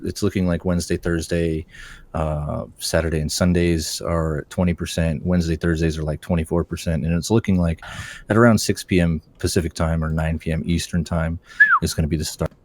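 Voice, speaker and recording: A man's voice: sits low, little pitch movement, brisk. A man leading a casual voice-chat guild meeting as raid leader, talking bluntly and swearing freely. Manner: blunt and profane.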